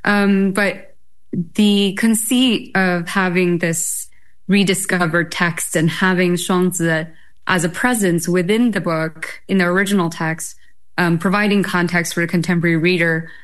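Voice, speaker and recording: A young woman from Taiwan talking about her translation work. Her voice sits fairly low and sounds smooth and clear, and she hesitates with frequent ums. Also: a little slow. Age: young adult. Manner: hesitant, many ums, lively rises. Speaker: literary translator. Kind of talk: interview answers.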